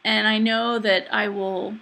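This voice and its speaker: A woman vlogger talking confessionally about herself, reflective and halting as she thinks aloud. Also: mid-range voice, flat delivery, gravelly, sharp tone, rough recording. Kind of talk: confessional personal vlog.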